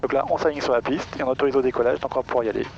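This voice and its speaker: A man's voice: mid-range voice, fairly even intonation, rapid-fire, vocal fry. A man speaking over a pilot headset as a pilot, casually explaining things from the cockpit of a small plane. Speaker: private pilot. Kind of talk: casual explanatory chat in the cockpit, with radio calls. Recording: muffled pilot headset intercom, loud engine noise.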